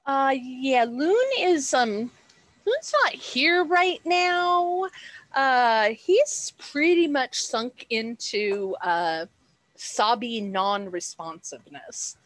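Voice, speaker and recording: A woman's voice: high voice, expressive, drawn-out words, a bit bright, no echo. A woman game master narrating a tabletop game over a headset on a video call.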